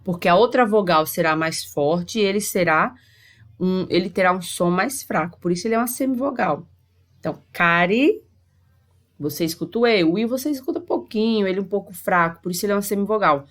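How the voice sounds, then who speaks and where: A woman teacher with a medium-pitched voice and a Brazilian Portuguese accent records a lesson for sixth graders, spelling out sounds slowly and carefully.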